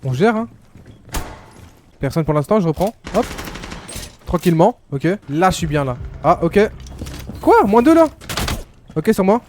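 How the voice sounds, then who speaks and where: A man giving excitable, slangy live commentary to his viewers while playing a shooter game. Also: on the high side, measured pace, long pauses, a little hiss or hum. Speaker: gaming YouTuber.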